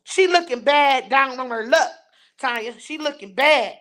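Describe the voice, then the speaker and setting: A woman's voice: high voice, expressive, a little slow, fairly bright tone. A woman hosting a live stream, ranting bluntly and scornfully while reading and answering her viewers' chat. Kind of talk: heated live-stream rant.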